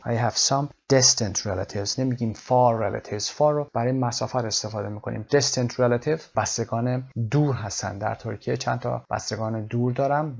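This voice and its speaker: A male English teacher with a Persian accent works through a textbook lesson, reading each English sentence slowly and then explaining it at length. His voice has a gravelly, creaky edge, and the recording sounds slightly dull and lo-fi. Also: medium pitch, darkish tone.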